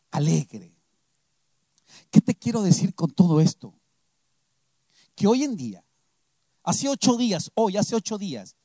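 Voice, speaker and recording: Very high-voiced male preacher. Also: dark tone, no room sound, studio quality. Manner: emphatic storytelling preacher, repeating key phrases. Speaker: pastor. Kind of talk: sermon.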